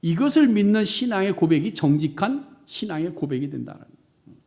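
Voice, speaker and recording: A man preaching a sermon as pastor of a church, animated and dramatic, voicing the complaints he quotes. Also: brisk. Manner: animated, acts out quoted laments with rising pitch and volume.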